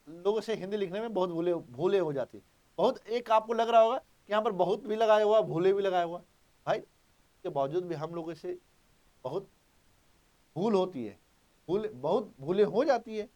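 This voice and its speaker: High-voiced man teaching grammar emphatically. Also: a little mellow. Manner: emphatic, repeats key points, quizzes students. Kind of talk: exam-prep grammar lesson.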